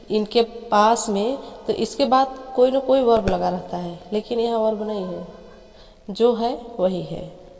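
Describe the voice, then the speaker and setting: A woman explains grammar at an unhurried, deliberate pace, patient and easy to follow. Her voice is mellow and soft-edged, with a middle pitch. The room rings with a long reverb. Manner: slow patient explanation with homely examples. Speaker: English grammar teacher.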